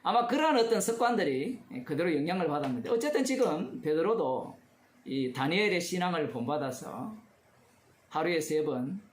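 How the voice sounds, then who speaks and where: A man's voice: fairly high pitch, sing-song, moderate pace, echoey room. A male pastor giving a conversational expository sermon, asking his congregation questions as he explains the text. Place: church.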